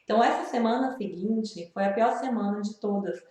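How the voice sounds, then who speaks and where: A woman's voice: medium pitch, normal speed, a little mellow. Brazilian woman vlogger, mid-range voice, earnest and confiding, speaks straight to the viewer, very echoey room. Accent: Brazilian Portuguese. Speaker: video host sharing grief advice. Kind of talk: personal vlog talk to camera.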